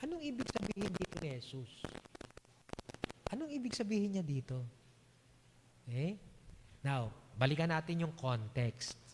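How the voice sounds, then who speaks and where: A male pastor preaching a sermon emphatically, often checking in with "Okay?" and reading verses slowly. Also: a little high, animated, in a large hall, noisy background. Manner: mixes in English phrases and reads verses slowly. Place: church.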